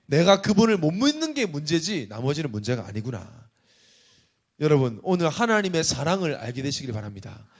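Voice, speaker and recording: Animated Korean man preaching. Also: on the high side, fairly quick. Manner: animated, conversational preaching with rhetorical questions. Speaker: pastor. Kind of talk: sermon to a young adults' service.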